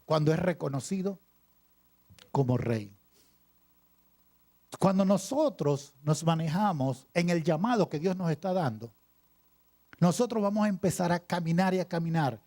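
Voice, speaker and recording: A male pastor preaching a sermon, reading scripture aloud and pausing for emphasis with repeated phrases. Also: a little high, lively intonation, dark tone. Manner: preaching with dramatic pauses and repetition.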